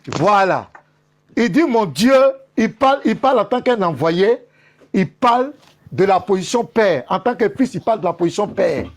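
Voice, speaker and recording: A man's voice: high-pitched, lively intonation, normal speed. A man, a pastor, arguing insistently in a heated religious debate, talking over his opponent and repeating himself. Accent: French-speaking African.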